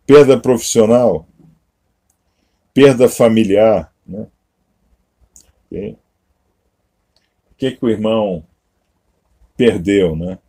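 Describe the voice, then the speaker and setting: A man's voice: fairly low pitch, slow, pauses often, dark tone. A Brazilian man giving a conversational teaching sermon, tagging almost every phrase with a questioning aside. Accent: Brazilian Portuguese. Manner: conversational, constant "né?" and "tá?" tags. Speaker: Masonic-Kabbalistic teacher.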